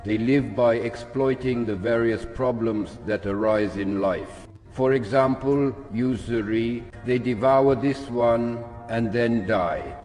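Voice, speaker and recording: A man delivers a formal political speech at a very slow, deliberate pace. His voice rings in a long hall reverb, with music playing behind him. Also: medium pitch, darkish tone. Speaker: speech reader. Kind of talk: formal political speech read aloud in English translation.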